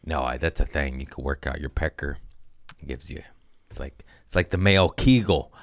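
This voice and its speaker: In a dry studio recording, a man with an extremely low voice talks at normal speed while hosting his comedy podcast. His style is crude and meandering, full of self-deprecating humor, and he keeps abandoning sentences halfway to begin again.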